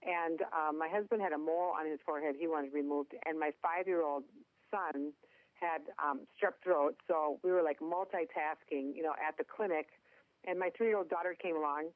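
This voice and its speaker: A woman's voice: low-pitched, steady tone, moderate pace, no echo. Woman, middle-aged, Minnesota accent, chatty guest, self-deprecating, phone line sound. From Minnesota, USA. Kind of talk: phone interview storytelling. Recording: tinny phone line, dry.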